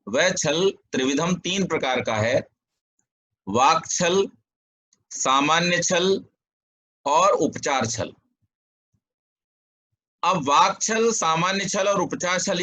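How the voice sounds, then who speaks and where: A man teaching a philosophy text, chanting verses slowly and then explaining them with everyday examples. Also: on the high side, sharp tone, low-quality recording. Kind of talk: scripture lesson, reciting sutras and explaining.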